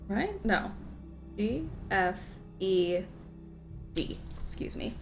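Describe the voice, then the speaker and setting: A woman streaming a game, chatting casually with viewers, giggling often and apologizing in quick asides. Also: mid-range voice, music in the background.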